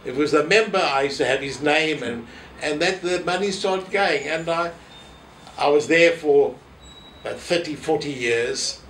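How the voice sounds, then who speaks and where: In an oral history interview, an elderly man with a South African accent, whose family roots are in Poland, looks back on his time holding office at a synagogue and acts out what people said in his stories. His voice is a little high and a bit bright, at a moderate pace. The recording is roomy and echoey, captured from a distance with faint noise.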